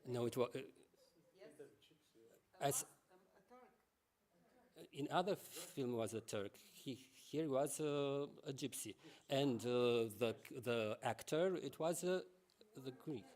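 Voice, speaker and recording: A man giving a conference lecture. He reads a prepared text at a measured pace and adds asides to the audience. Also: medium pitch, darkish tone.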